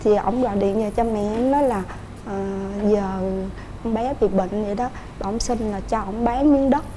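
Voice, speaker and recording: Southern Vietnamese woman, talk show guest, mellow earnest storytelling, a bit high, faint background noise. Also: normal speed. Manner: earnest, telling a family story at length. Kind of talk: casual chat.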